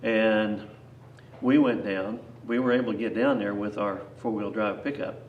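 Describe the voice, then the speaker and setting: An older grandfather in his 60s or beyond tells an unscripted, rambling personal story in a folksy, plain-spoken way, often doubling back on himself. His voice sits on the low side with fairly even intonation and an unhurried pace. The recording is muffled and echoey, with a distant mic and faint noise.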